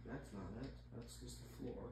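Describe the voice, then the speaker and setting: A young man giving casual let's-play commentary, unsure and self-mocking, often halting and restarting his sentences. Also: medium pitch. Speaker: gamer. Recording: echoey room, mic far off, noisy.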